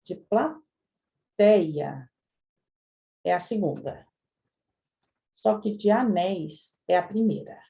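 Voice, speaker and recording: A woman's voice: mid-range voice, measured pace, gravelly, pauses often, mellow, lo-fi sound. A woman teaching a live online grammar review class, chatting with her students and often checking in with them. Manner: chatty, addresses students directly with frequent "né?". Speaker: Portuguese language teacher.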